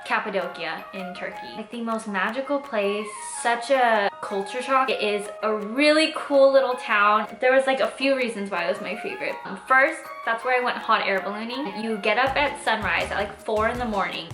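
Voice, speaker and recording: A woman in her twenties from Orange County, California, a travel vlogger and nurse, chats casually in a Q&A vlog, informal and emphatic. Her voice is a little high, at a normal speed with hardly any pauses. The room is echoey, with faint music in the background.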